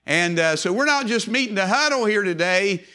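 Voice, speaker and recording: An older man preaching a sermon in church, repeating key phrases and slowing down hard on words he wants to stress. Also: high voice, animated, sharp tone. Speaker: pastor.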